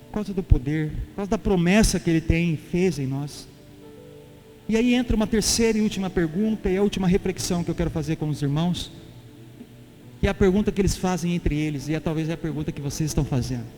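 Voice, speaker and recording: A Brazilian pastor with a high voice for a man delivers an emphatic, passionate sermon. He talks to the congregation in a casual, familiar way. His voice rings through a long-reverberating church hall with soft music underneath. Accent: Brazilian Portuguese.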